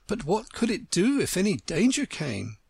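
A woman's voice: fairly low pitch, big pitch swings, normal speed, creaky, darkish tone, slightly rough, no room sound, voice pushed up, heavily acted. A woman voicing a curious, polite young girl who asks questions in a storybook. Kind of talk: storybook character voice.

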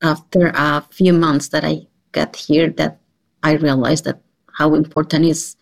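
A woman from Mexico speaks careful English with a Mexican Spanish accent. Her voice is low and gravelly. She is an adult English learner. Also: flat delivery, measured pace. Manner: careful, non-native phrasing.

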